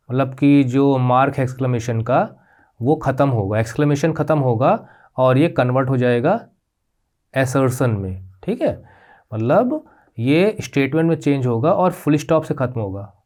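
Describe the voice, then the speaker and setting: A man teaching a grammar lesson as a voice-over on slides, patiently repeating checks and spelling out terms slowly. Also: a little mellow. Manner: patient, repeats "ठीक है?" checks with rising pitch; spells out terms slowly, mixing English words into Hindi.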